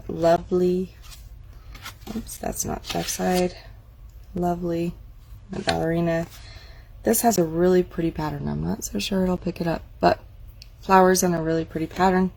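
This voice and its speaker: Gravelly-voiced woman chatting through a craft catalog. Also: on the low side, darkish tone, slight background noise. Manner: chatty, admiring, thinking aloud. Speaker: craft demonstrator. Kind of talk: casual product walk-through.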